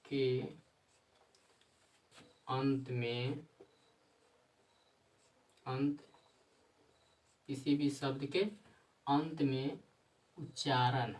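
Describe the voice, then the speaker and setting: A man teaching a grammar lesson, repeating himself and answering his own questions, sometimes dictating slowly word by word. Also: mid-range voice, level tone, a little mellow, distant mic, rough recording.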